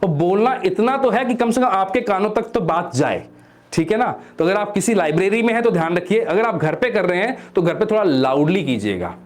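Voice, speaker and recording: An energetic man from India coaching viewers through a study exercise. His voice sits high and swings widely in pitch, and he keeps tossing questions at the listener. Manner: reads English text slowly word by word. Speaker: motivational coach. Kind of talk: motivational lesson to camera.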